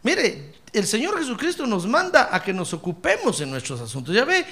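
A man preaching to his congregation in a folksy, animated way. His voice sits high and swoops widely, with a bright, sharp edge. He acts out conversations and leads the room in call-and-response. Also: moderate pace. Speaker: pastor. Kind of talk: sermon.

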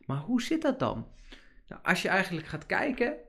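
A man's voice: high-pitched, wildly swooping pitch, moderate pace, gravelly, bright, forceful tone. A man, hosting a casual podcast monologue, chatty and rambling with many fillers. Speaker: podcast host.

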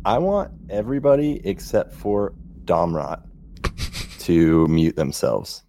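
A man's voice: low-pitched, big pitch swings, slow pace, creaky, warm tone. A man narrating a tabletop game as game master. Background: music.

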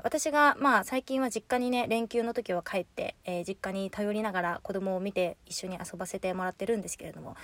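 Fast-talking chatty housewife host. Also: female voice, medium pitch, dry recording. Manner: chatty, candid, calls herself by her nickname. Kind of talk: casual solo radio talk.

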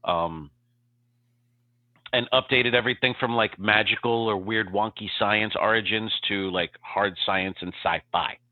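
A man co-hosting a casual podcast chat, telling a long story in an animated way and checking in with "okay?". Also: on the low side, a little slow, no room sound. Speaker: podcast co-host. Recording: tinny phone-like line.

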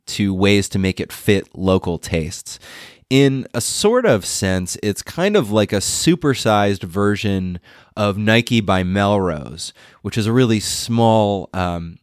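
A man hosting a podcast, sounding stuffed up from a cold as he reads a steady, informative segment. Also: on the low side, smooth, no room sound, studio quality. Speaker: podcast host.

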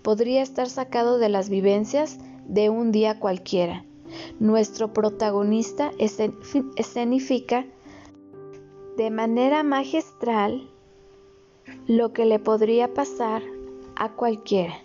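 A woman reading a reflective story aloud in a slow, measured way, with occasional slips and restarts. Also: a little high, warm tone. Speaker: narrator. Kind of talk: read-aloud reflective narration. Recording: dull lo-fi recording with faint music.

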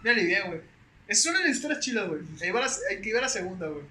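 A young man with a Mexican accent, a podcast guest telling stories in a slangy, animated, casual way. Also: high voice, very fast. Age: young adult. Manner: slangy, animated, peppers speech with güey. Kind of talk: casual storytelling chat. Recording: roomy echo with faint hiss.

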